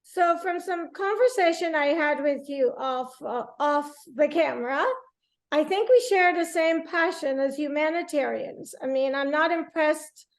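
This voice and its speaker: A woman's voice: high-pitched, a little slow. A woman hosting an interview, speaking earnestly in long flowing runs. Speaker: podcast host.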